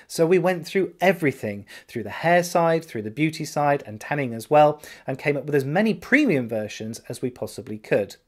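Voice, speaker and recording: Male salon coach, 40s, fairly high voice, upbeat tutorial delivery to camera. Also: very animated, normal speed, few pauses. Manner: upbeat, explanatory, walks through figures step by step. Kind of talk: direct-to-camera business tutorial. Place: indoor room with decorated wall.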